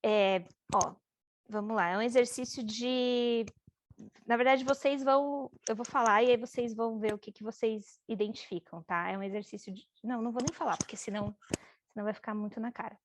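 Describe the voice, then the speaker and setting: A woman's voice: a little high, fairly quick, a little hiss or hum. Chatty Brazilian woman running a workshop. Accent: Brazilian Portuguese. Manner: chatty, informal, lots of fillers and quoted asides. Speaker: trainer. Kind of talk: casual workshop training talk.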